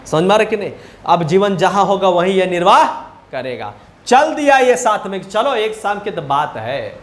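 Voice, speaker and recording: A man's voice: sits high, sing-song, normal speed, reverberant. A man teaching a class, retelling a story in a chatty way and often asking whether the students follow. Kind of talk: storytelling lesson retelling a chapter.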